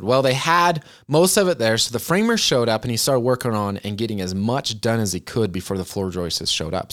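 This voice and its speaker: A man's voice: lowish voice, fairly bright tone. Earnest young man giving motivational talk. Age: 20s. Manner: earnest, chatty, addresses listeners as "you guys". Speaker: podcast host.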